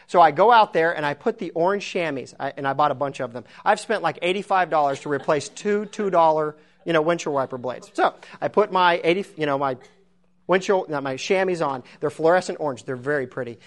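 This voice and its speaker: A man preaching a sermon, telling a comic story in a lively, self-mocking way. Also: fairly high pitch, brisk.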